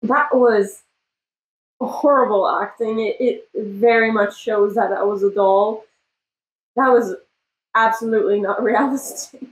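Giggly, slow-talking woman trying not to laugh. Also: mid-range voice, fairly even intonation, roomy sound, low-quality recording. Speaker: reaction video host. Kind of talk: casual reaction commentary. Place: living room, indoors.

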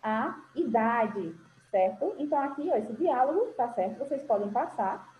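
A primary school English teacher with a fairly high, mellow voice and lively intonation speaks at a moderate pace to young children on a video call. Patient and loving, she often calls them "my love" and checks that all are following along. Roomy audio with faint ambience and slight background noise.

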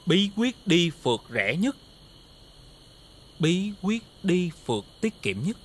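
A man's voice: high voice, sing-song, fairly quick, sharp tone, heavily acted. A young man with a Southern Vietnamese accent, acting a breezy, self-assured penny-pincher in a TV comedy series. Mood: smug. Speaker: stingy younger brother Long. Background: music.

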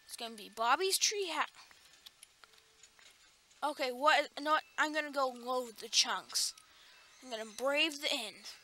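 Woman, very high voice, slow unhurried delivery, bright tone, excitable gaming commentary, sudden alarmed outbursts. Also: slight background noise. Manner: excitable, bursts into alarmed exclamations. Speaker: gaming channel host. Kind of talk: let's play commentary.

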